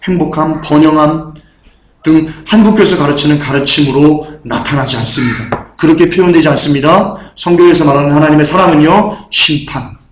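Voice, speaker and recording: A fervent male preacher with a high voice, delivering a sermon in an echoey church hall. He drives his points home through repetition and rises into shouted calls. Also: fairly quick, slight background noise.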